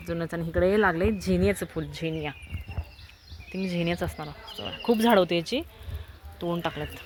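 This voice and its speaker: Chatty woman vlogging on a noisy phone. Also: on the low side. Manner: chatty, talks to camera and to her little son. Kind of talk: casual family vlog narration. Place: outdoors at a rural farmhouse. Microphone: handheld phone camera. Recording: noisy outdoor phone recording.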